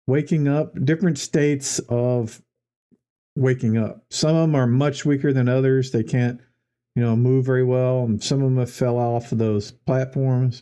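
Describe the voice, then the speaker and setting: Male game master, deep mellow tone, casual tabletop narration. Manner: loose, conversational scene-setting.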